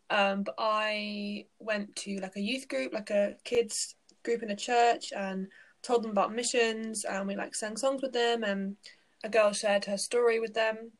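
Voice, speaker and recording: A woman talks earnestly as a podcast co-host, thoughtful and soft-spoken. She muses with ums and likes, in an even, mid-pitched voice. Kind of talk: casual chat.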